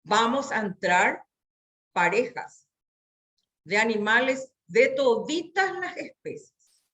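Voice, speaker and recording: A woman's voice: a little high, big pitch swings, takes it slowly, sharp tone, heavily acted. A woman voicing God as a commanding male figure in a children's story. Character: booming male God giving orders.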